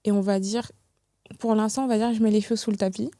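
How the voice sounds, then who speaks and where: A young woman from France, a podcast guest talking in a reflective, hesitant way with many pauses and restarts. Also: medium pitch, steady tone, dark tone, no echo, clean studio sound. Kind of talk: casual podcast conversation.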